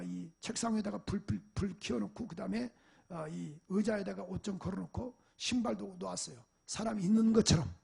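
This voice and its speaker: High, gravelly-voiced Korean pastor preaching. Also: male voice. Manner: animated storytelling, acting out parents and shouting at a dog. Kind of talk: sermon with personal stories. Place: church sanctuary.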